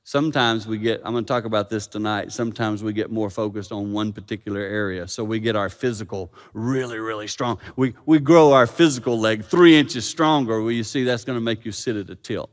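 A man preaching a sermon as pastor, swinging from loud dramatic peaks to hushed quiet. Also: lowish voice, a little fast, few pauses. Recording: long reverb of a hall.

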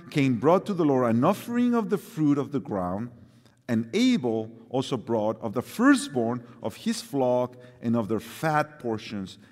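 A guest preacher with a Mexican accent reads scripture aloud in a lively voice, then addresses the congregation with some hesitant fillers. His voice is mid-range, and the large church sanctuary gives a long hall reverb.

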